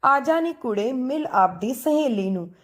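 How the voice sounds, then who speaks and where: A firm, worried middle-aged mother from a spoken storybook, as a woman narrator puts her on. She coaxes and insists in a slightly high, plain voice. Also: animated, a little slow.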